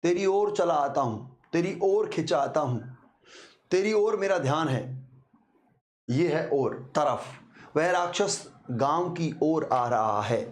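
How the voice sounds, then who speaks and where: A male teacher giving an exam-prep grammar lesson, explaining slowly, repeating key words and sounding out syllables for his students. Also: fairly high pitch, lively intonation. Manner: addresses students repeatedly, slow deliberate explanation with repetitions; sounds out syllables to demonstrate pronunciation.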